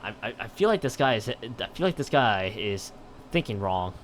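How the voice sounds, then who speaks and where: With a lowish, sing-song voice at normal speed, a streamer reads a visual novel aloud on stream, stumbling over lines and exclaiming his own casual reactions. Slight background noise is present.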